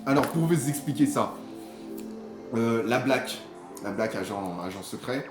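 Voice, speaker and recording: A man chatting casually about a film, animated and quick to laugh. He jumps up into a high mocking voice to quote lines. His voice rings in an echoey room, with music playing behind. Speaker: film reviewer. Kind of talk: casual chat.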